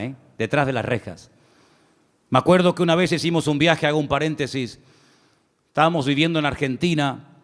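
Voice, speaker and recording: A man with a high voice preaches to his congregation, swinging from a quick chatty storytelling tone to slow, drawn-out scripture reading. He calls his listeners brother and keeps asking for amens. A long reverb trails his words as in a large hall. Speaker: pastor. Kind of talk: sermon.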